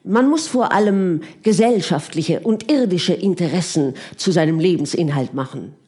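A superior young scholar lectures in an audiobook, as a woman reader voices him. He talks down to his listener and sets out his views as settled fact. The voice sits fairly low. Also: lively intonation, normal speed, darkish tone, lightly acted. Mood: lecturing. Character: confident, condescending young male scholar.

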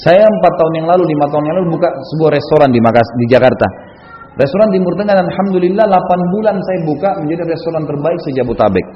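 Guy preacher chatting through a story, rapid talker, long echo like a big hall. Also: a little high, animated, slight background noise. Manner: casual, anecdotal, frequent conversational tags. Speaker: Islamic preacher. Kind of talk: storytelling sermon. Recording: echoey hall, dull lo-fi sound.

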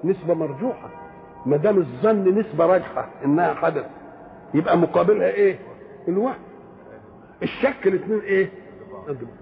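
This Quran commentator speaks in a high, gravelly register with an Egyptian Arabic accent and lively intonation. Lecturing on religion, he raises questions and then responds to them himself, slowly reciting verses. A faint hiss runs under the thin, phone-like sound.

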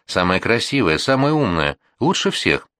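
A man voicing a tender, tearful middle-aged mother in an audiobook, soft and consoling. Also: fairly low pitch, big pitch swings, normal speed, no echo, studio quality. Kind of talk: audiobook reading.

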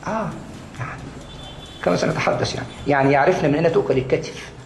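A man's voice: a little high, very fast. A man with an Egyptian Arabic accent giving a religious lesson to a class, repeating key words for emphasis and answering his own questions. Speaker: Islamic studies lecturer. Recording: echoey room, faint background noise.

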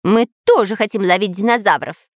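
A woman's voice: medium pitch, brisk, no room sound, studio quality, voice pushed up, lightly acted. A woman voicing a sneaky pirate spy with a nasal voice, whining and pleading. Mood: sly.

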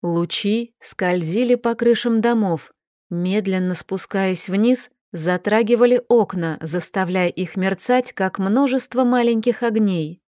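A woman giving a calm, measured first-person narration of a novel. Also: mid-range voice, dry recording, studio quality. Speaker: audiobook narrator.

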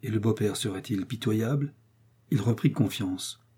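In a dark, husky voice, a man reads a classic novel aloud. His narration is measured and even, with a plain storytelling tone. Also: lowish voice. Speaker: audiobook narrator. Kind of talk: scripted narration.

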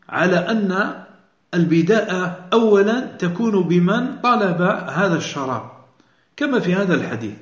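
Man, sheikh-style teacher, fairly high voice, patient and repetitive, echoey lo-fi room recording. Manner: explains patiently, repeats key phrases, many fillers. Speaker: sheikh teaching a hadith lesson. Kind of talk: religious lesson explaining texts. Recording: echoey room, dull lo-fi sound.

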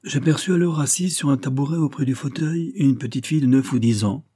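A man reading a classic novel aloud in a measured, even storytelling manner. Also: mid-range voice, breathy edge, dry recording, clean studio sound. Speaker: audiobook narrator. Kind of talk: literary audiobook narration.

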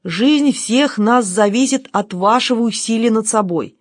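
A stern, sharp-tongued colonel, read by a woman narrator, curt and biting. The sound is dry and close. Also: fairly high pitch, unhurried, dry recording. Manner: stern, sarcastic.

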